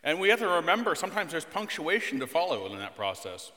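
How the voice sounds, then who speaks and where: A man leads a sermon and a children's talk, his voice swinging widely in pitch and sounding bright. He talks in an expressive, playful way. The recording carries the long reverb of a church sanctuary. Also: fast talker. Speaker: pastor. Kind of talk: scripture reading and children's sermon.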